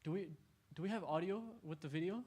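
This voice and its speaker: A man lecturing a youth audience at an Islamic center in a casual, animated way. He laughs often and talks in a large indoor hall. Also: on the high side, fast talker, breathy edge.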